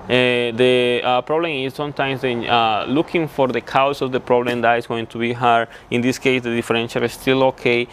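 A young man and truck mechanic explaining a repair in a hands-on walkthrough, halting with many fillers and restarts. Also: medium pitch, steady tone, a bit bright, slight background noise. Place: indoor truck repair shop.

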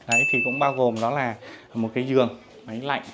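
A man's voice: medium pitch, level tone, fairly quick, heavy background noise. A man giving a walking property tour of a riverside resort outdoors, speaking politely and deferentially to his viewers with frequent fillers, filmed on a handheld phone. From Vietnam. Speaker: real estate agent giving a property tour.

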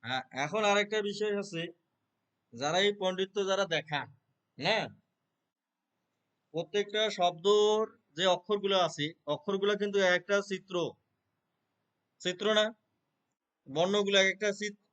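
A man's voice: high voice, fairly bright tone. A man earnestly explaining how he pronounces verses, talking in a loose conversational way and checking that the listener follows. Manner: earnest, repeats filler words, chants verses rapidly in recitation. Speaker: Gita reciter. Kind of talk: conversational interview answers.

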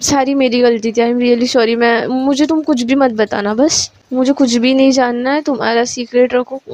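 A woman's voice: fairly high pitch, fairly even intonation, normal speed, darkish tone, lightly acted. A woman voicing a doting, teasing young woman who pleads and coaxes her lover in a storybook romance. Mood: coaxing. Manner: coaxing, pleading, playful.

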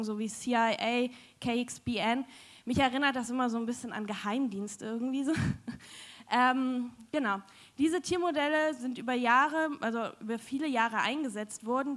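A woman's voice: on the high side, a bit bright. A young woman giving a chatty, joking science slam talk on stage into a handheld mic, with many fillers. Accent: German. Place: large dim hall with audience.

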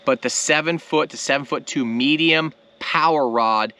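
A man in his thirties hosting a fishing channel, explaining gear to the camera in a casual, energetic, plain-spoken way from a boat on a lake. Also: fairly high pitch, normal speed. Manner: energetic, plain-spoken, lots of "right?" and "okay?". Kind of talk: casual instructional talk to camera. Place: outdoors on a boat on a lake at sunset. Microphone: camera in front at close range.

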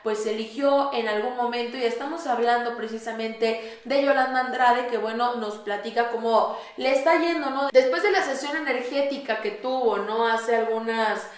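A woman's voice: fairly high pitch, normal speed, hardly any pauses. A young Mexican woman co-hosting a gossip show, chatting casually with lots of fillers in a small studio. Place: small studio on a pink sofa. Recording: roomy echo.

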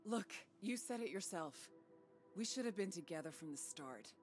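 A woman's voice: medium pitch, lively intonation, normal speed, darkish tone, faint music behind, natural voice. An actress playing a scheming woman fugitive in a video game, pleading and persuasive. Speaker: game character.

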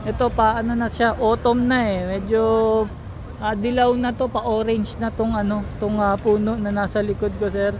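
High-pitched Filipino man on radio check. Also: level tone, normal speed. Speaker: host making a radio range test. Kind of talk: casual walkie-talkie radio check. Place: outdoors in South Korea, near trees. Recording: noisy outdoor recording with traffic ambience.

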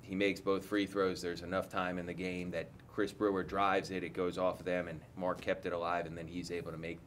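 A head coach in his forties sits at a table mic in an indoor press room, giving candid post-game answers that ramble and keep restarting. His low-pitched voice stays level and brisk, with a little hiss or hum on the recording.

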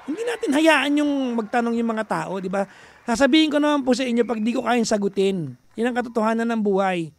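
A man with a Filipino accent hosting a radio call-in show, chatty and teasing, mixing Tagalog and English, now and then bursting into loud exasperated rants. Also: very high voice, animated, brisk, creaky. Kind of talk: casual radio talk with listeners.

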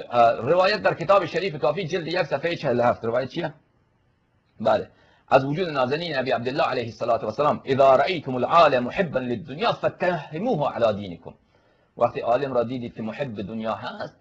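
A male cleric giving a forceful, polemical religious lecture, answering a questioner and quoting Arabic scripture. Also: mid-range voice, slightly rough, highs cut off.

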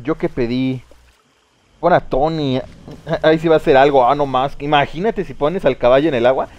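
A young Mexican man giving casual, excitable live commentary while playing a game. He swears freely and talks to his viewers. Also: on the high side, normal speed, lo-fi sound. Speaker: streamer.

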